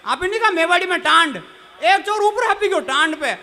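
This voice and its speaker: A man with a Mewari accent tells comic stories on stage in a high, bright voice. He chuckles through the telling and slows down for his recited verses. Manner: lively storytelling, chuckling. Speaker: stand-up comic poet. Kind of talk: live comic poetry storytelling.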